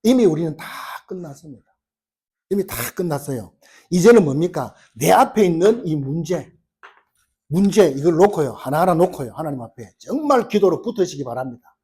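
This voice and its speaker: A man preaching a sermon as pastor, telling stories with lively delivery and acting out quoted lines. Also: fairly high pitch, moderate pace, slightly rough.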